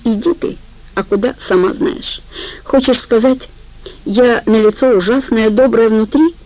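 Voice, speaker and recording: A woman's voice: on the high side, a little slow, a little mellow, lightly acted, poor audio. A woman reading an audiobook, voicing a foul-mouthed, spiteful young woman who swears and mocks, tired and scornful. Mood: rude, mocking. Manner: coarse, swearing, mocking.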